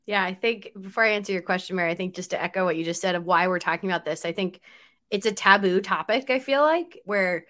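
A woman co-hosts a podcast with a bright, forward voice at an ordinary pitch. She chats in a friendly way and pokes a little fun at herself. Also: quick pace. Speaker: podcast co-host. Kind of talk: casual podcast chat.

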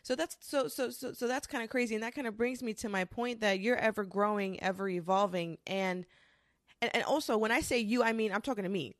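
A woman's voice: mid-range voice, no echo. Twenty-something woman venting straight to camera, cusses a lot, dry close sound. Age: 20s. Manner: candid and profane, with frequent restarts and quick bursts. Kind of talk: casual confessional monologue.

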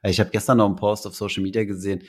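A man's voice: on the low side, flat delivery, racing. A man co-hosting a casual podcast, rambling along with lots of fillers and restarts. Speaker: podcast co-host.

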